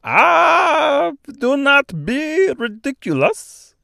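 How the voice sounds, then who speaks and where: A man's voice: very high voice, sing-song, gravelly, sharp tone, no room sound, clean studio sound, pitched above the performer's own voice, full character voice. A man voicing a huge, kind-hearted male stork in a thick mock Austrian and French accent, drawn out and exaggerated. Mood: insistent. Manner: slow, bouncy, exaggerated delivery.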